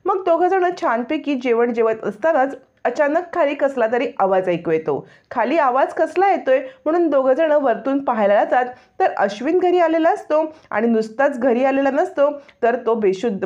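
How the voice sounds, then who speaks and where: A woman narrating the story of a television serial episode in a brisk, dramatic retelling. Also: high-pitched, expressive, darkish tone. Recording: dull lo-fi recording.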